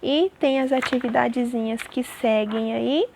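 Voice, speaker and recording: A woman's voice: on the high side, unhurried, creaky, noisy background. A woman teacher, explaining a grammar lesson to young students patiently, often checking in with them. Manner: patient, repeats terms and checks in with "tá bom?".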